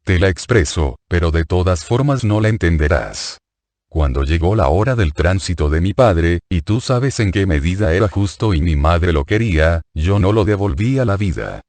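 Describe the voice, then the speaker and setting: A calm male teacher consoles someone in soft, measured words, as a narrator voices him. His voice is very low and even. The recording is dry and close. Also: dry recording. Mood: consoling.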